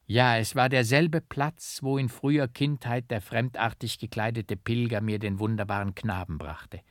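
A man reading a classic novel aloud as an audiobook, in a slow, hushed, brooding dramatic manner. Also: mid-range voice, fairly even intonation, no room sound, clean studio sound. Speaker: audiobook narrator.

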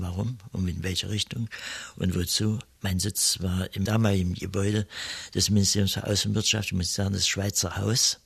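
A man in his seventies speaks slowly and deliberately, his voice very deep and held on a flat, even line. The tone is gravelly and heavily raspy, and at times it falls almost to a whisper as he recalls the past. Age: 70s. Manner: slow, measured, sometimes dropping to a whisper. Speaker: interviewee, former officer. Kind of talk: recorded testimony.

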